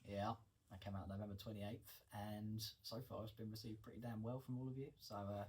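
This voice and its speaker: A man's voice: fairly low pitch, flat delivery, fairly quick, a little mellow, a little hiss or hum. A man, a music producer, chatting casually in a laid-back way with the odd swear word. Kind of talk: casual chat.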